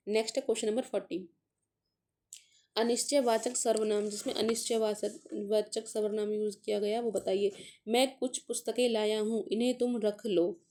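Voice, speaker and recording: Mellow-voiced woman teaching grammar. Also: fairly high pitch. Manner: explains by sounding out letters and words slowly; mixes English words into explanations. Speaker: exam prep teacher. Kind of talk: casual Hindi grammar lesson.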